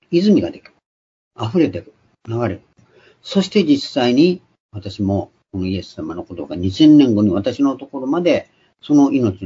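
A man preaching a sermon, emphatic and shouting out quoted cries. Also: medium pitch, breathy edge. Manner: emphatic, raises voice sharply for quoted exclamations. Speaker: pastor. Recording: dull lo-fi recording.

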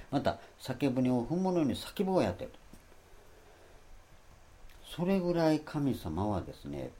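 A man giving a Bible lecture in a rambling sermon style, stressing his points and loudly acting out the phrases he quotes. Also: fairly low pitch, a little hiss or hum. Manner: rambling, repeats himself. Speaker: Bible teacher.

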